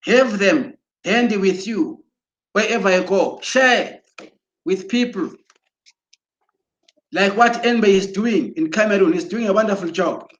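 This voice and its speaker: An excited man urging his listeners on, his voice sitting high for a man. He talks slowly and deliberately, often repeating and restarting words. It sounds like a computer mic while he shares his screen. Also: lo-fi sound. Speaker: broadcaster. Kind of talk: promotional motivational talk.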